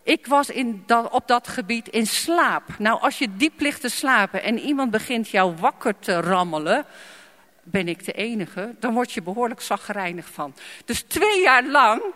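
A woman's voice: a little high, animated, normal speed, a bit bright. A woman preaching a sermon and telling her own testimony, emphatic, repeating phrases and asking the audience to respond. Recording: long hall reverb.

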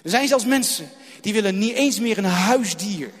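A man with a strikingly high voice delivers a dramatic sermon. He repeats key phrases and swings from loud, driving lines to hushed ones. His words ring out with a long reverb, as if spoken in a large hall. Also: lively intonation, moderate pace. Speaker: preacher.

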